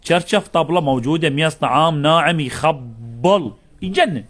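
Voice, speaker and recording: Iraqi guy doing a live sale, kinda high voice, greets everybody big, repeats his pitch over and over. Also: normal speed, fairly bright tone. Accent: Iraqi Arabic. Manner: effusive greetings, repetitive patter. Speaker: live-stream seller of bale goods and home textiles. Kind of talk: live sales pitch with casual banter, greeting viewers.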